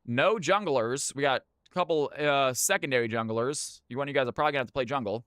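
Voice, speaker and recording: A man hosts a livestream of community custom games, chatting informally with viewers, announcing in the game lobby, and often repeating phrases. His mid-range voice is fast and a bit bright. The sound is clean studio quality with no echo.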